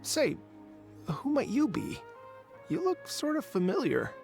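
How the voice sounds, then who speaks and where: A man's voice: very high voice, wildly swooping pitch, unhurried, creaky, a little mellow, soft background music, heavily acted. An actor playing a chatty, unmotivated young male researcher who justifies himself, in a video game. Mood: casual. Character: idle young male researcher, casual, unmotivated excuse-maker. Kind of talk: video game dialogue acting.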